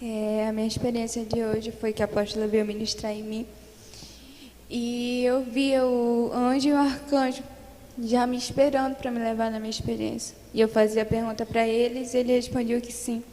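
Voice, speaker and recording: High, level-toned young Brazilian woman. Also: level tone, moderate pace. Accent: Brazilian Portuguese. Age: young adult. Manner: earnest, repetitive storytelling that grows louder and more fervent. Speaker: church member giving testimony. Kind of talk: spoken religious testimony. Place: church hall. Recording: echoey church hall.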